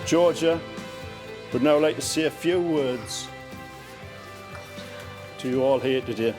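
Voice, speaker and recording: A man speaking as celebrant at a naming ceremony, in a measured, formal manner. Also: medium pitch, music in the background.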